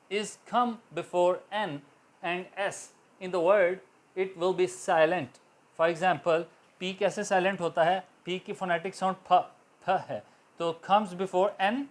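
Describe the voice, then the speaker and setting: Man teaching English pronunciation. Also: high-pitched. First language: Urdu. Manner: explains slowly, spells letters out, repeats words for drill. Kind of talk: spoken grammar lecture.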